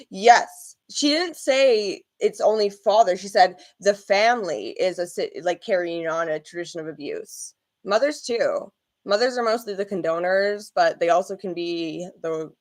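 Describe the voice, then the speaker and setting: A woman's voice: mid-range voice, normal speed. A woman vlogger giving casual reaction commentary, candid and rambling, with frequent swearing.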